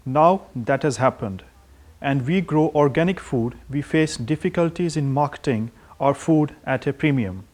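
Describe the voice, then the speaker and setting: A man's voice: mid-range voice, measured pace, a little mellow. A man, a farmer, answering an interview plainly and matter-of-factly.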